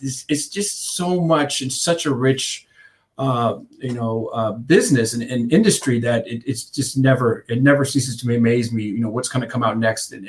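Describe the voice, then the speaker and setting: An interview with a contact centre consultant from Iceland, a man in his fifties, who speaks in a mid-range voice. His replies ramble, with repeated restarts and filler words.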